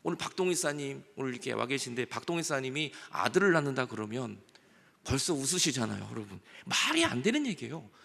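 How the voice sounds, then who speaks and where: A middle-aged man preaching a sermon as pastor in a church, animated and acting out dialogue in quoted voices. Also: medium pitch, fast, gravelly, in a large hall. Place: church sanctuary.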